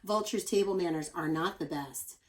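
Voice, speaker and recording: At a moderate pace and in a lowish voice, a woman reads a children's nonfiction book aloud in the manner of a teacher, expressive and explanatory, sprinkling in chatty asides aimed at young listeners.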